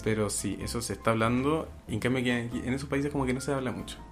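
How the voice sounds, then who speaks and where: A man's voice: medium pitch, fast talker. Young Chilean man, rambling podcast co-host, word-searching; faint guitar behind. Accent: Chilean Spanish. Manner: rambling, searches for words, lots of fillers. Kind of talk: casual chat.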